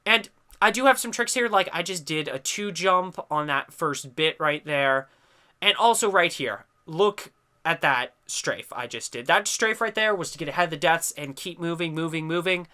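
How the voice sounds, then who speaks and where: His pitch is fairly high with lively intonation, his pace moderate, and his tone pushed, bright, and clean. He's a young gaming commentator whose voice is stuffy and congested from a sinus infection, giving chatty, explanatory recorded commentary over gameplay and trailing off with "I don't know."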